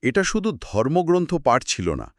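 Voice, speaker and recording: A very animated man co-hosts a scripted two-host history chat, his pitch swinging widely as he explains events in short, clipped clauses at normal speed. Sometimes he turns a point into a musing question. The recording is close and dry, with no room sound or echo.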